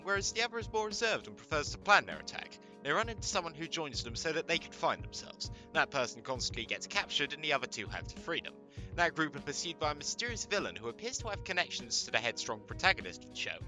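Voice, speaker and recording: A man hosting an anime commentary channel delivers a scripted comedic bit, sarcastic, mock-exasperated and full of swearing. His voice is fairly high, pushed and bright, the audio quality is poor, and music runs underneath.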